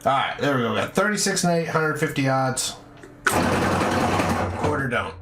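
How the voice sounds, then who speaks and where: Male dice dealer in a loud echoey room. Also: medium pitch, expressive, quick pace. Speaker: craps dealer calling rolls. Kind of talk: casual game commentary. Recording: very noisy echoey room, rattling clicks.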